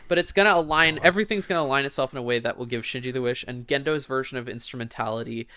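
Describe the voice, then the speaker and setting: A man's voice: mid-range voice, very fast, pushed and bright, smooth. A man co-hosting a podcast, chatting casually about an anime film with many fillers and restarts. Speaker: podcast co-host.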